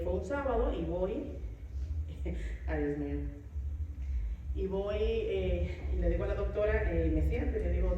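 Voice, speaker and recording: A woman telling a personal testimony as a mother, animated, acting out her own words from the past. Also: mid-range voice, muffled recording, a little hiss or hum. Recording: echoey room, a bit far from the mic.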